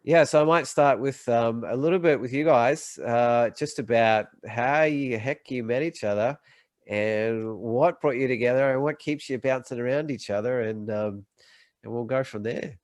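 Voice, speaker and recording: Speaking at a moderate pace in a mid-range voice, this US podcast host chats casually with a guest over a video call. He rambles, filling his speech with fillers and restarting often, and there's no room sound.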